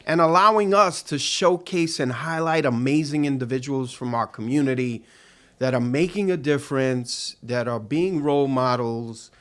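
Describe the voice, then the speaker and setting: A man's voice: mid-range voice, fairly bright tone. Upbeat man hosting a podcast. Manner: upbeat, welcoming interviewer. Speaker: podcast host. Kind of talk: interview podcast.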